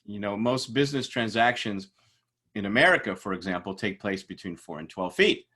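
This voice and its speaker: Low-ish guy teaching a class, loose and chatty, keeps restarting his sentences. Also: animated, fairly quick, bright, forceful tone, breathy edge. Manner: casual, conversational with frequent fillers and restarts. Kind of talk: recorded lecture.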